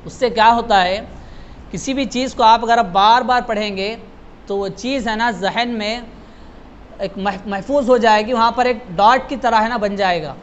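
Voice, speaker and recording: A man teaching Quran recitation to a class, explaining patiently and modeling each phrase slowly, often adding "hai na" to his sentences. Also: sits high. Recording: dull lo-fi sound with faint noise.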